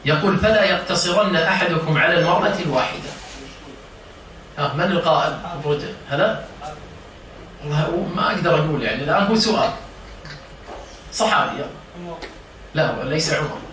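A religious teacher with a high, bright voice gives an informal lesson to a seated circle, stopping to quiz his listeners and explain each word. He sounds distant in a very echoey room, with a faint hiss underneath.

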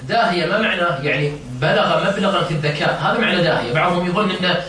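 A man's voice: sits high, lively intonation, very fast, sharp tone. A man teaching a religious lesson, quizzing his listeners and explaining the meanings of words. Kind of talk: informal lesson to a seated circle. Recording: echoey room, distant mic, faint noise.

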